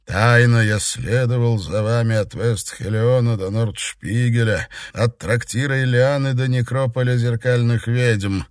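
A man voicing a powerful, stern and secretive emperor father who talks in a measured, commanding way. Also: medium pitch, dry recording, clean studio sound, close to an everyday voice.

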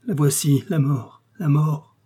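Dying villain, feverish and gloating, shouting his triumph, read by a man; husky, storybook audiobook. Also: fairly high pitch, slow, pitched above the performer's own voice. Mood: grim. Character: dying, vengeful male criminal, gloating and feverish.

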